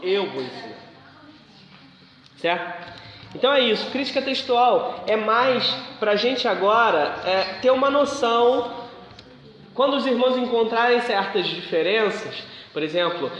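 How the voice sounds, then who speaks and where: Guy with a high voice giving a bible class, asks questions and answers them right away, big echoey hall, dull muffled sound. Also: fairly bright tone. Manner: explains with rhetorical questions and quick answers. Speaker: bible teacher. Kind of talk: live church class lecture. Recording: very echoey hall with long reverb, dull sound, faint hiss.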